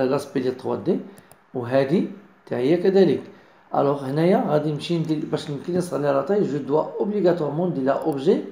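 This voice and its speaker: A man with a Moroccan accent giving a software design tutorial, mixing in French words and often checking that viewers follow. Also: on the high side, vocal fry, reverberant. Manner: mixes French into explanations, keeps checking understanding. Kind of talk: screen-recorded software tutorial.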